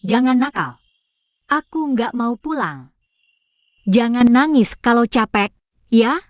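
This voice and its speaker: A tired young mother who speaks firmly and scolds. Her voice sits a little high, and the recording is dry and slightly dull. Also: lively intonation, slow pace, no room sound. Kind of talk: Indonesian dub of a drama series.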